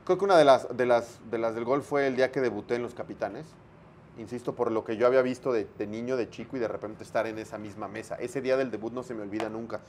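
A Mexican man, a sports broadcaster, telling lively anecdotes in a casual interview, full of slang and acted-out dialogue. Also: mid-range voice, fast talker, a little hiss or hum.

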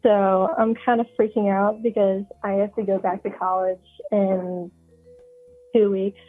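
A woman's voice: mid-range voice, level tone, a little slow. 18 yr old girl on the phone line, tinny sound, chatty and kinda hesitant, faint music behind. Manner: chatty, hesitant with ums and restarts. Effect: heard over the phone. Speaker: caller. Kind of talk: casual chat.

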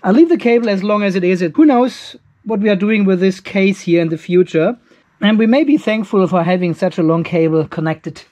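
Working in a garage workshop, an older German-accented DIY host talks a little fast in a high, warm voice. He thinks aloud informally about his hands-on task, with some self-deprecating remarks.

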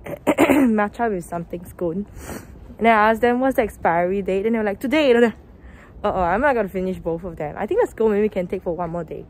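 Girl vlogging through a face mask, chatty and upbeat, loud traffic all around. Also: mid-range voice, low-quality recording. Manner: chatty, upbeat, thinking aloud. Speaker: travel vlogger. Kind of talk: casual vlog chat. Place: outdoors on busy city streets. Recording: outdoor street noise. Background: street and traffic noise.

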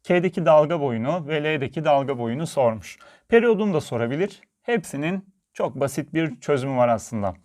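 Friendly physics teacher, fairly high voice. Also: male voice, lively intonation, brisk, few pauses, a little mellow. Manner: friendly, addresses viewers as friends. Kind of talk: video lesson.

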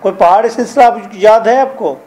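A man's voice: high voice, normal speed, darkish tone. A middle-aged man with a Pakistani accent teaching a classroom English grammar lesson, drilling rules and quizzing his students.

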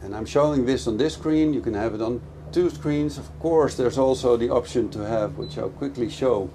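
A middle-aged boat dealer with a mid-range voice and a moderate pace gives a casual, enthusiastic walkthrough reviewing a boat while aboard a moving motorboat. He explains things while talking over the engine. Loud engine and wind noise fill the recording, along with the sound of the boat's engine and the water.

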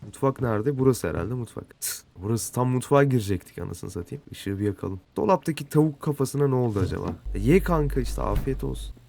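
A man's voice: mid-range voice, expressive, fast, gravelly, dark tone, soft background music. Man shrieking and swearing through a horror game. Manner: swears a lot and shrieks when scared. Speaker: gamer and dubber. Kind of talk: horror let's-play commentary.

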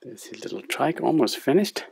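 A man's voice: mid-range voice, sing-song, normal speed, vocal fry, darkish tone, husky. A man hosting a children's puppet show, explaining toy building to young viewers in a friendly way.

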